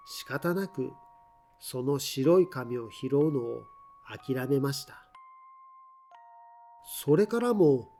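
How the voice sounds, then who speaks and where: A man reading a scripted ghost story aloud in a measured, deliberate storytelling manner, with drawn-out phrases. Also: fairly high pitch, a little mellow.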